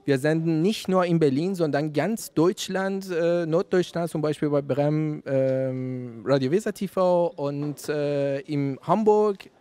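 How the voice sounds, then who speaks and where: A man, answering interview questions in halting speech with many fillers, into a handheld mic at an indoor event. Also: fairly high pitch, dark tone, smooth. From Iran. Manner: hesitant, many fillers, searching for German words. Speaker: radio volunteer interviewee. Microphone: handheld reporter mic.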